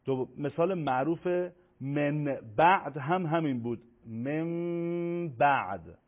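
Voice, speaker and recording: Male teacher, measured tajweed lesson, slows down to recite examples; thin phone-like sound. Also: on the high side. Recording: tinny phone-like audio.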